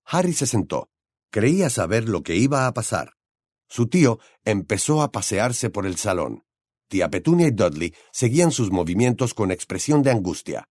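A man narrating an audiobook in an expressive storytelling style. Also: fairly low pitch, moderate pace, slightly rough, no room sound, studio quality.

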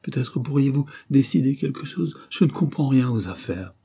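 A man's voice: animated, moderate pace, gravelly, dark tone, slightly rough. A man reading an audiobook, voicing a frantic, ruined middle-aged woman who pleads insistently for help. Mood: desperate pleading. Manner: shrill, hand-wringing, insistent.

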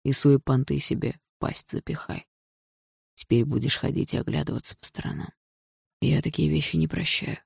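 A woman reading an audiobook, voicing a hoarse, cold young man who speaks slowly and quietly with menace. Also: rumbling low, fairly even intonation, dry recording, studio quality, exaggerated voice. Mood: menacing. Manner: slow, quiet and threatening.

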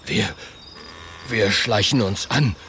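A man's voice: lowish voice, slow pace, a bit bright, slight background noise. A man voicing a cowardly male dinosaur who talks fearfully with a stammer. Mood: frightened.

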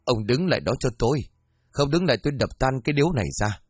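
A man's voice: lively intonation, fast talker, breathy edge, no room sound, clean studio sound, soft background music. A man doing a fierce scolding village wife. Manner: shrill scolding shouts.

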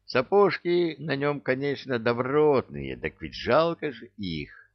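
A man narrating an audiobook with expressive storytelling. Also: mid-range voice, takes it slowly, no room sound, lo-fi sound.

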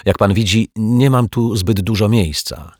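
A man's voice: lowish voice, measured pace, darkish tone, breathy edge, no room sound, studio quality, pitched above the performer's own voice. A man voicing a fussy, cheerful detective who talks politely and eagerly. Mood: courteous. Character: fussy cheerful small-office male detective.

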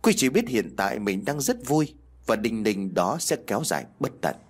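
Husky, expressive male storyteller. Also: fairly low pitch, moderate pace. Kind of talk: scripted story narration.

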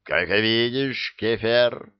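Brief: menacing vampire lord, measured and cold, voiced by a male narrator. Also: medium pitch, smooth, no echo, muffled recording. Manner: hissing, stern.

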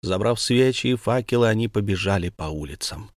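A man narrating a classic novel in a steady, measured audiobook reading. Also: lowish voice, no room sound, studio quality.

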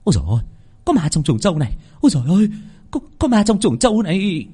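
A man's voice: a little high, very animated, moderate pace, darkish tone, breathy edge, pitched above the performer's own voice, full character voice. A man voicing a cruel, middle-aged landlord's wife who screeches and scolds her servants. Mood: panicked.

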